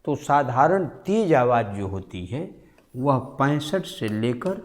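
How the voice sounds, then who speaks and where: A man teaching a science class, repeating each key number and phrase slowly and carefully. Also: mid-range voice, sing-song. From India. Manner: slow, repetitive, stresses key numbers.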